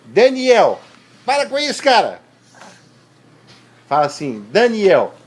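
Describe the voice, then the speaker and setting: A man's voice: medium pitch, sing-song, unhurried, slight background noise. A father at home chatting playfully with his small sons, slipping into baby talk as he coaxes them to repeat words. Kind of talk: casual home video.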